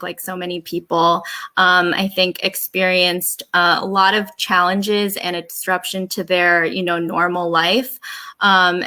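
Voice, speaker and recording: Bright-voiced woman answering thoughtfully. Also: mid-range voice. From United States. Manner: earnest, reflective, hesitant pauses. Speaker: guest, physician and life coach. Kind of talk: conversational interview answers.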